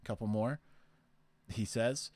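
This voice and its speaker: Fairly low and a bit dark, his steady voice moves a little slowly while he rambles through listener questions on his podcast, with plenty of fillers and restarts. He's a young man, recorded dry.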